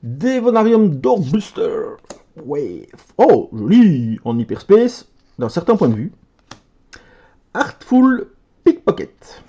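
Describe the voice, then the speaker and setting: A man chatting casually as he opens card packs for his video, letting out excited exclamations over each card. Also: high voice, slow pace, pauses often, breathy edge, lo-fi sound. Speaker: card game video creator. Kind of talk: casual card pack opening commentary.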